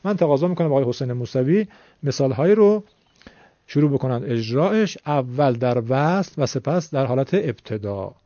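A man's voice: medium pitch, expressive, mellow, dry recording. A man teaching Quran reading, explaining a rule step by step in a patient, reassuring way and repeating the key points. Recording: dull, dry lo-fi recording.

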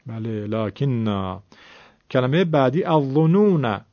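A man giving a recorded lesson on Quran recitation, patient and explanatory, slowly drawing out example words. His pitch is middling. The recording is dry and slightly muffled. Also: animated, no room sound.

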